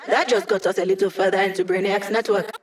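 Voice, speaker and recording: A woman's voice: medium pitch, steady tone, quick pace, slight background noise, natural voice. A woman playing an upbeat, wry young female hacker living as data, giving casual, teasing mission support in a video game. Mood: wry, playful. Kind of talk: video game voice lines over comms.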